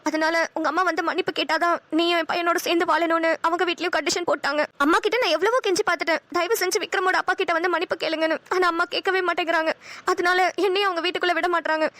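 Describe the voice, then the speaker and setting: A woman plays a young cartoon wife who talks quickly in a very high, bright voice, earnest and pleading. She is recorded close and dry. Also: no room sound. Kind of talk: cartoon voice acting.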